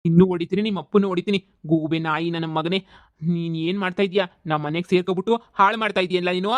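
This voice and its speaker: Male actor as a middle-aged village landlord in a comedy cartoon, bullying and shouting, dry recording. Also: sits high, fairly even intonation, fast talker, no room sound, close to an everyday voice. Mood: angry, threatening. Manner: shouting insults and threats.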